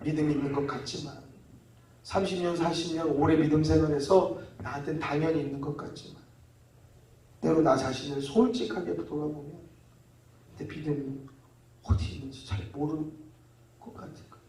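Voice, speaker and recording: A man's voice: a little high, steady tone, normal speed, long pauses, a little mellow, slight background noise. A male pastor giving a conversational sermon, leading the congregation to repeat lines, recorded in a church sanctuary. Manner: conversational preaching with call-and-repeat. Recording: echoey church hall from far off.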